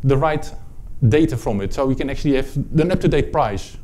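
With a Dutch accent, a man from the Netherlands delivers a technical product talk at a conference, speaking to an audience in a conference room. He has a mellow, medium-pitched voice and a halting style marked by fillers and restarts.

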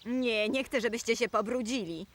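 A woman voicing a calm, sensible mother pig in a dubbed cartoon, patient and gently firm. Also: fairly high pitch, moderate pace, slight background noise, lightly acted.

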